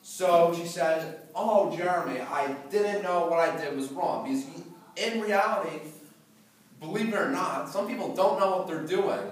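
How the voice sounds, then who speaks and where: Heard from a distance in an echoey hall, a teenage boy delivers a prepared talk, his stutter showing in repeated words and blocks. His voice is a little high and his speed normal, with slight background noise.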